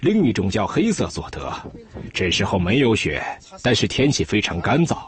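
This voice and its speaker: A man's voice: fairly low pitch, very animated, normal speed. A man giving first-person testimony in a documentary, speaking as a herder.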